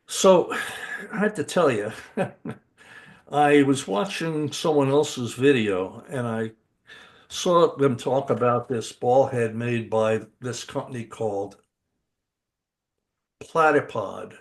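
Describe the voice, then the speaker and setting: A man's voice: mid-range voice, takes it slowly, pauses often. An older man co-hosting a podcast, chatting with eager enthusiasm, restarting his sentences often. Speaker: podcast co-host. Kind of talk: casual podcast chat.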